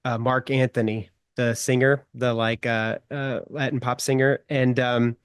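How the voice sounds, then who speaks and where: Animated middle-aged man telling stories. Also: medium pitch, a little slow, clean tone, no room sound, clean studio sound. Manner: animated storyteller, chuckles often, many fillers. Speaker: guest writer. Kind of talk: casual anecdotal storytelling.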